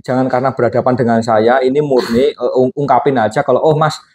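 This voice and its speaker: Fast and a little mellow, his medium-pitched voice holds a steady tone. He's a host and hypnosis teacher in a casual interview, chattily prompting the guest with many questions and tag phrases.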